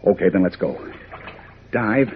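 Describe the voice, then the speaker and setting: An actor playing a brisk, commanding masked crime-fighting hero in a 1940s radio drama. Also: male voice, low-pitched. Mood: brisk, urgent. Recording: muffled vintage radio, faint noise.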